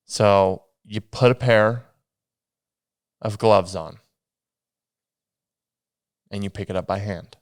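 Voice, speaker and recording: Slow and fairly even in intonation, this young podcast host speaks on the low side with long pauses. He rambles casually and self-deprecatingly on his solo show, sniffling through a stuffy nose and restarting as he meanders. The recording is dry with clean studio sound.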